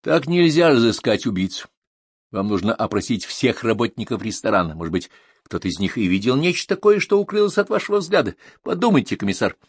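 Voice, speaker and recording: A man's voice: mid-range voice, very animated, fairly quick, breathy edge, dry recording, studio quality. A man reading an audiobook, voicing a sarcastic, cutting male suspect. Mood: mocking. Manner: mocking, cutting.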